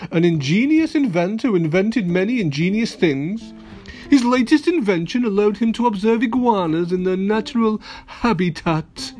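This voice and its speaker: A kids show host reading an alphabet storybook aloud to children, expressive and playful, with asides to young listeners. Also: mid-range voice.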